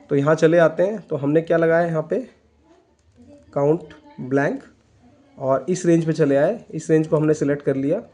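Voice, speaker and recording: Step by step, a computer tutor talks viewers through a spreadsheet in a screen recording of software. His voice sits a little high with a dark tone, and his Hindi is mixed with English terms and punctuated often by "ठीक है".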